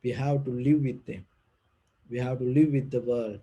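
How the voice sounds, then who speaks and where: A man who speaks English as a second language gives an unscripted spiritual talk as a meditation teacher, gentle and halting, with a soft breathy voice and repeated phrases. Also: medium pitch, steady tone, low-quality recording. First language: not English.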